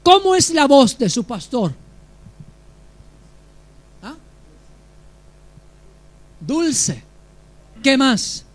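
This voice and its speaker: Guy preaching a sermon, really high voice, keeps asking the congregation stuff. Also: sing-song, very slow, pauses often. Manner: emphatic preaching, questions to the congregation. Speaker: pastor.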